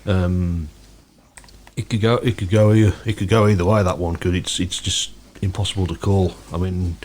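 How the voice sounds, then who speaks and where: A man co-hosting a casual sports chat, talking rapidly and knowledgeably and often hedging his points. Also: low-pitched, flat delivery, a little mellow, slight background noise. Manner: rapid, knowledgeable, hedges with "to be fair". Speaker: podcast co-host.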